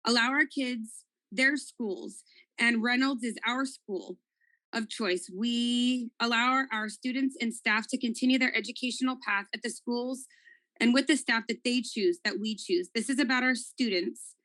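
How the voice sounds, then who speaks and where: Parent lady with a highish voice pleading at a board meeting, earnest, keeps repeating herself. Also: a little slow, pushed and bright. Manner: earnest, repetitive appeals. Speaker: parent giving public comment. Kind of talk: public comment at a board meeting.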